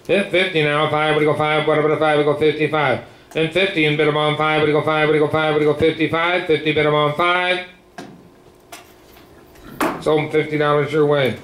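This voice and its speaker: A man working as an auctioneer, calling bids in a rapid, rhythmic chant with repetitive filler patter between the numbers. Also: a little high, flat delivery, a bit bright. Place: echoey indoor auction room. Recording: echoey room with clear background noise.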